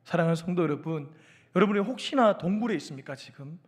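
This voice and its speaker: Male pastor preaching with animated storytelling, pitched high and swinging widely. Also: fast. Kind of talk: sermon.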